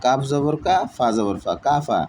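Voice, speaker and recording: A man teaching Quran reading, who spells out each letter and vowel mark slowly and then reads the whole word. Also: mid-range voice, animated, a little mellow, slight background noise, rough recording. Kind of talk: slow letter-by-letter recitation lesson.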